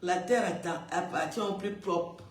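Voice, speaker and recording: A woman's voice: fairly low pitch, a little slow, distant mic. A woman talking casually on a live stream, chatty and emphatic, often repeating her phrases. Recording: echoey room, away from the mic.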